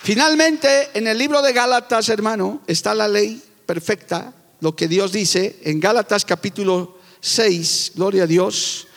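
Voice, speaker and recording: A middle-aged man preaching fervently as a pastor, moving between loud proclamations and quiet, confiding asides. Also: sits high, unhurried, vocal fry, few pauses. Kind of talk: sermon. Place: church sanctuary with long reverb. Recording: echoey church hall.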